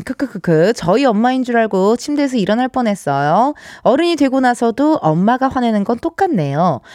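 A woman's voice: a little high, darkish tone, dry recording, studio quality. A woman hosting a radio show, chatting and reading out listener texts with a ready laugh. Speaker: radio host. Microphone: studio microphone.

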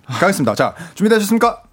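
A high-voiced man hosts a variety segment with constant exclamations. His pitch leaps around as he calls out scores and cues. The energy stays up throughout. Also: quick pace, slight background noise. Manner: animated, exclamatory. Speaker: host. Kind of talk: lively variety show hosting.

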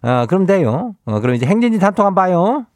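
A man's voice: high-pitched, very animated, fast, noisy background, pitched above the performer's own voice. A man voicing a folksy, rambling rural village headman with a Chungcheong accent, making announcements in a comic radio bit. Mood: folksy, chatty. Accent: Chungcheong Korean. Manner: rustic, rambling, repeats himself.

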